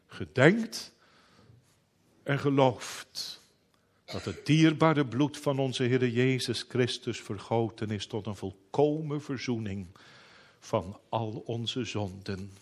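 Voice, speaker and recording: A man's voice: medium pitch, slow, darkish tone. A man preaching a sermon in a solemn, old-fashioned biblical manner.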